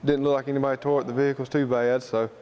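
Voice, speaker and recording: A man's voice: mid-range voice, flat delivery, very fast, a little mellow, a little hiss or hum. A man with a Southern US accent giving an informal interview, explaining things in a plain-spoken, folksy way. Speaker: student club president being interviewed.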